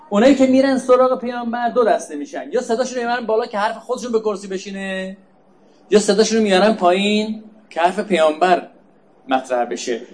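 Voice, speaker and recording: A preacher with a notably high voice delivers a religious lecture on Quran verses, explaining step by step. He poses rhetorical questions and answers them himself, sometimes softly repeating a word for emphasis.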